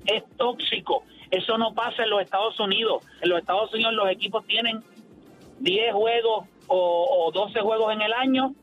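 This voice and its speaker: A man's voice: high voice, moderate pace, highs cut off, soft background music. A man with a Puerto Rican accent hosting a sports talk radio show, emphatic and opinionated, addressing listeners directly.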